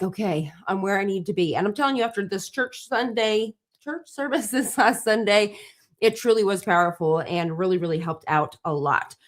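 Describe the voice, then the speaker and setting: A woman's voice: medium pitch, a bit bright. A middle-aged woman hosting a casual live stream, bubbly and gushing, talking straight to her viewers while tired from very little sleep. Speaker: livestream host and small business owner.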